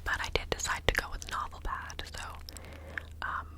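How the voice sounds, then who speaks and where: Girl whispering asmr ramble right up on the mic, ear to ear, casual and wandering, repeats words. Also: moderate pace. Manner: informal, meandering, with repeated words. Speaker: ASMR video creator. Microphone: close ASMR microphone.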